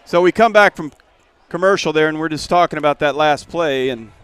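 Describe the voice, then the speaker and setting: A man doing play-by-play of a high school football game from a stadium press box, folksy and relaxed. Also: a little fast, clear, resonant tone, no room sound. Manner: folksy, relaxed, rises when a play starts. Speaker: play-by-play announcer.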